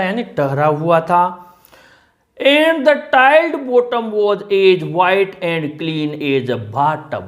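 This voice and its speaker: A man teaching a class, speaking with an Indian accent. He reads English lines slowly, then explains each word patiently and often repeats it. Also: high-pitched. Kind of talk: line-by-line textbook explanation.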